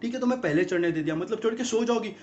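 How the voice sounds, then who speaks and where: An actor playing an exasperated young man in a rapid-fire, mocking film comedy monologue about girlfriends. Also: high voice, lively intonation, a little mellow, a little hiss or hum. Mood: ranting. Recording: dull lo-fi film audio.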